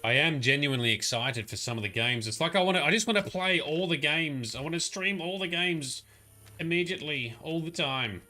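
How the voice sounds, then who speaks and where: A streamer with a slightly high, sharp-toned voice talks fairly quickly as he plays a game. He gives chatty, rambling live commentary and addresses his chat, with faint game music behind him.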